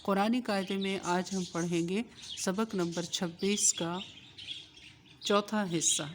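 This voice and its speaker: A woman teaching a Quran reading lesson, spelling words out syllable by syllable and drawing them out slowly, then explaining quickly. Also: medium pitch, fairly even intonation, noisy background. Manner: slow drawn-out syllables when modeling words, quicker when explaining.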